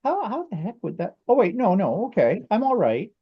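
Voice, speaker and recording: A man's voice: high-pitched, very animated, fairly quick, husky. A man chatting while he sews on a live quilting stream, dry and sarcastic, heard over a video call. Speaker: quilter guest. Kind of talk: casual chat while sewing on a live stream. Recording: muffled video-call audio.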